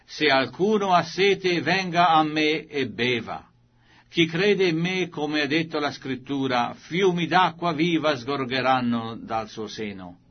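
A man reads the part of a grave male teacher who speaks to a crowd with slow, weighty emphasis. The voice is husky, at a middle pitch. The recording is muffled and lo-fi, in the manner of an old scripture reading. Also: lively intonation. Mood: proclaiming. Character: solemn male religious teacher addressing a crowd.

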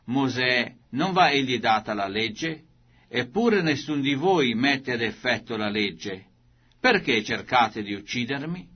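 A man reading as a grave, husky male teacher. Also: mid-range voice, expressive, dull audio. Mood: solemn. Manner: slow, grave and emphatic. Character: solemn male religious teacher addressing a crowd. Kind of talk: scripture reading.

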